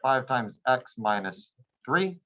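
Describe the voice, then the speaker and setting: A man's voice: medium pitch, animated, slow pace, pushed and bright. Male teacher, classroom lecture, patient and step by step, slightly dull lo-fi sound. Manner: checks in with students often, patient and plain. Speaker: math teacher.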